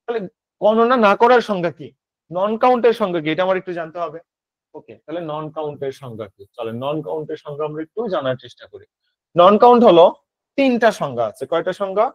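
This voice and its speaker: A male English tutor with a Bangladeshi accent teaches a grammar lesson, firing quick questions at students and answering them himself. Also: fairly high pitch, animated, no echo. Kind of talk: online admission-prep grammar lesson. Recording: slightly dull lo-fi audio.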